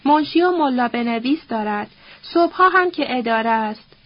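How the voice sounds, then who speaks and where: Woman voicing a calm, reserved young man. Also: on the high side, no room sound, muffled recording. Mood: restrained.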